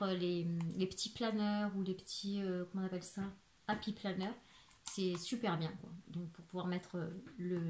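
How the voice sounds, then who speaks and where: Speaking in a fairly low, darkish voice, this crafting YouTuber from France, in her forties, talks casually through a haul with plenty of fillers and restarts. She's recorded at home in her living room, which echoes and has background noise.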